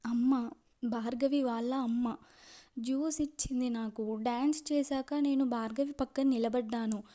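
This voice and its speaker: Woman doing a tearful young heroine in a romance audio story, begging forgiveness in a trembling, mellow, highish voice. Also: steady tone, normal speed, lightly acted. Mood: tearful pleading. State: crying, voice breaking.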